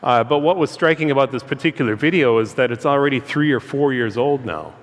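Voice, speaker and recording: A man's voice comes through loudspeakers with long hall reverb. He has a mid-pitched voice and presents informally to the public, in a halting, conversational manner. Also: animated. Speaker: guest speaker, transportation engineer. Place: large room, speaking through a PA system.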